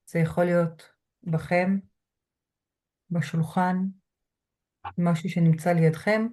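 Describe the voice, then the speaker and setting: Calm woman guiding a slow exercise. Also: fairly low pitch. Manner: slow, measured, with soft pauses. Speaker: lecturer guiding a grounding exercise. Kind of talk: calm guided lecture. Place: home room. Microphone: computer mic.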